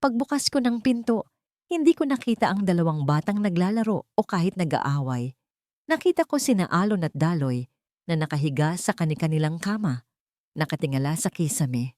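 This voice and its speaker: Reading a scripted tale as a dramatic audiobook narrator, this Filipino-accented woman uses a low, darkish, sing-song voice at a moderate pace. The recording is dry and studio-clean.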